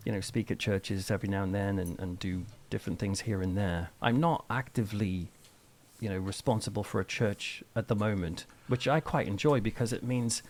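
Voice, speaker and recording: Speaking at a moderate pace in a lowish voice, this middle-aged man is a church minister and author being interviewed. He talks through ideas conversationally, in a thoughtful and discursive manner.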